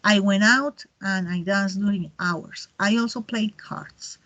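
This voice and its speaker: A woman teacher reading a cheerful male cartoon cat's lines slowly, in her own voice. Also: medium pitch, fairly bright tone, dry recording, lo-fi sound.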